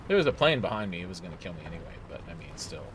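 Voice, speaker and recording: A man streaming a game live, talking excitedly to himself and a teammate and swearing now and then. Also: low voice, very fast, noisy background. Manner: excitable, swears, rambles aloud during play. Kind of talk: live gameplay commentary. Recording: loud game sounds behind.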